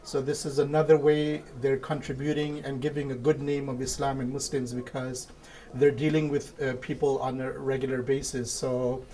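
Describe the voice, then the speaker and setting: Imam speaking in measured, listed points. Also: male voice, medium pitch, little pitch movement, warm tone. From India. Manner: measured, lists points one by one. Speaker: imam of a mosque. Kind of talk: interview answers.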